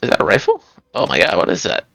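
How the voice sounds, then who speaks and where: A man playing a video game in casual chat, tired from an early start, excitable, with mumbled asides and sudden bright outbursts. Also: low voice, quick pace, vocal fry, dry recording. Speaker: gamer playing. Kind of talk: casual let's play chat.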